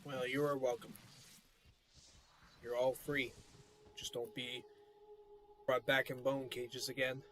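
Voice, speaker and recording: A man's voice: medium pitch, level tone, slow pace, pauses often, fairly bright tone, a little hiss or hum. A man hosting a gaming video with casual, rambling commentary that often repeats itself. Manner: rambling, repetitive explaining. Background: music.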